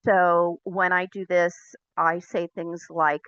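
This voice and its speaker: A woman lectures on running pet detective consultations, measured and clear in her explanations. Her voice is bright and a little tense, pitched slightly low for a woman. The recording is dry and somewhat dull. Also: little pitch movement. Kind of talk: recorded business class lecture.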